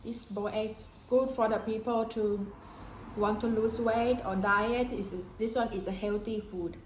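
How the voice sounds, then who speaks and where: A woman's voice: mid-range voice, steady tone, a little slow, slight background noise, poor audio. A woman from Thailand with a Thai accent, casually walking through a home-cooked meal in simple broken English. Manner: simple broken English, naming dishes one by one. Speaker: cooking vlogger. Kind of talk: casual cooking and eating vlog.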